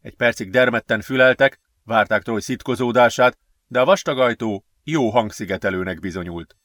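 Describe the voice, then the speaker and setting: A man narrates a science-fiction adventure book in a steady, measured storytelling voice. His pitch is middling and plain. The recording is dry and close, with no room sound. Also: dry recording. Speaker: audiobook narrator. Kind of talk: scripted narration.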